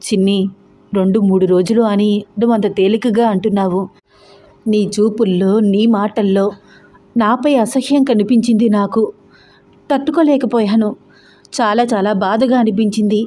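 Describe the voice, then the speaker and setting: A woman's voice: medium pitch, fairly even intonation, moderate pace, pauses often, warm tone, natural voice. A woman voicing a young husband who pleads and tries to explain himself, in an emotional audio story. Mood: tearful.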